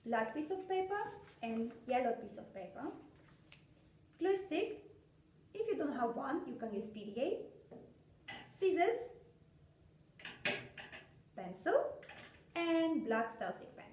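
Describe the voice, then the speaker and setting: Woman, slow pace, bright kids'-entertainer sing-song, simple craft instructions, echoey room. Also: sits high, sing-song. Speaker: children's craft presenter. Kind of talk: step-by-step craft demonstration for young children. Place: indoor craft room, seated at a table. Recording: echoey room, distant mic, background noise.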